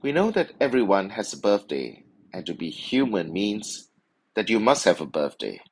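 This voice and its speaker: Low-voiced priest reading solemnly. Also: male voice, very animated. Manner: measured, formal, solemn delivery. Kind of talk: liturgical Gospel reading and homily.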